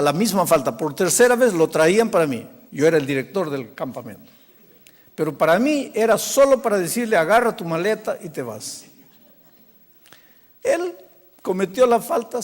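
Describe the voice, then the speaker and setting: A male pastor telling a story in a sermon, animated, swinging from loud bursts to hushed, quiet passages. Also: high voice. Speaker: pastor, preacher. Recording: long hall reverb.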